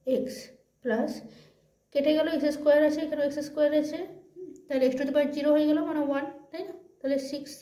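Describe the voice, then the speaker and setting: High-voiced woman tutoring math, roomy. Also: warm tone. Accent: Bengali. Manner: talks through each step, asking and answering her own questions. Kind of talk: informal math lesson. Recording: roomy echo.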